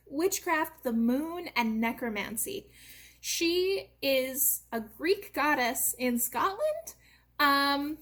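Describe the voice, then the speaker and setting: A young American woman from a theatre company giving an informal educational talk, lively and explanatory, with frequent "uh" and "um" fillers. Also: high voice. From United States.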